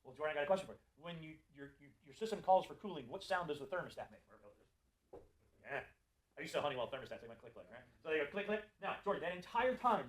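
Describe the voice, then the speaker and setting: A Florida man with a voice on the high side trains a group of technicians on sales and service in a live talk. He's lively and playful, joking and questioning people in the room, though the recording is rough.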